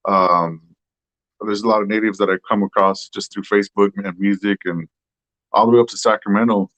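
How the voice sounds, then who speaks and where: A man's voice: lowish voice, steady tone, brisk, a bit bright, no echo. A man from the Tohono O'odham Nation, a guest musician chatting casually and swearing now and then. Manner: laid-back, swears casually. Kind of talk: casual chat. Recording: slightly dull, dry sound.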